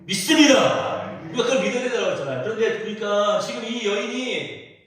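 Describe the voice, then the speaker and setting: A male pastor delivering a sermon in a church, animated, acting out the voices he quotes. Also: high voice, fast. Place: church sanctuary. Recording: echoey church from a distant mic.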